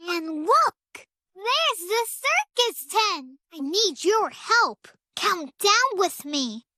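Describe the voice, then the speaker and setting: A woman's voice: very high-pitched, big pitch swings, extremely slow, sharp tone, no echo, clean studio sound, heavily acted. A woman voicing Ellee, an eager and cheerful young girl elephant in a preschool cartoon, talking straight to the viewer in a sing-song way. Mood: excited. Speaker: voice actor.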